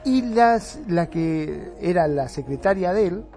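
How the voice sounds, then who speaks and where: A woman's voice: fairly low pitch, slow, soft background music. A woman telling an anecdote in casual chat, acting out what people said. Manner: animated anecdote teller, shouts out quoted lines. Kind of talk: casual storytelling.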